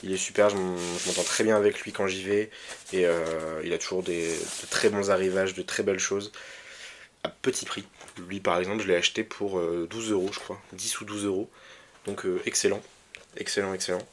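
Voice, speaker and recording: Casual male vlogger, slightly low voice, halting but enthusiastic delivery, light hiss behind. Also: steady tone, a bit bright. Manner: hesitant, many fillers and restarts, enthusiastic. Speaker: vinyl collector presenting his records. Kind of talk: casual vlog talk.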